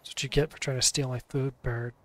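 A man's voice: mid-range voice, level tone, brisk. A man doing casual, playful game-stream commentary with mock-dramatic role-play, on a slightly noisy mic with clicks.

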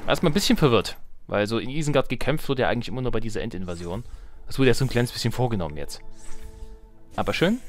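Fast-talking and animated at a medium pitch, a man narrates a let's play in a casual manner, mixing in joking asides and private musings. Strategy game music and sound effects sit behind his voice.

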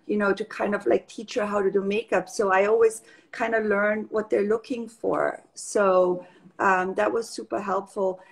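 An Austrian makeup artist, a guest on a casual video call interview, chats from her living room at home. Her mid-range voice is warm and talkative, with many fillers and restarts.

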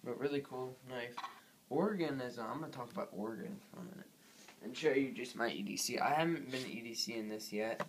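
A man's voice: mid-range voice, fast talker. Rambling young man, noisy phone recording. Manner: rambling, filler-heavy. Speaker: vlogger. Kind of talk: casual vlog chat.

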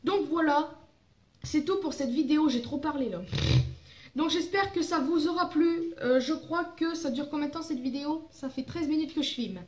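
Young female beauty vlogger from France, high voice, casual and chatty, stumbles over her words. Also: normal speed, roomy sound. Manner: chatty, rambling, fillers and self-corrections. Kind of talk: casual haul vlog.

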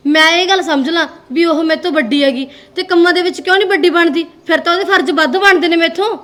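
An actress playing a resentful young daughter-in-law who argues and complains. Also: female voice, very high-pitched, fast talker, fairly bright tone. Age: young adult. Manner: complaining, argumentative.

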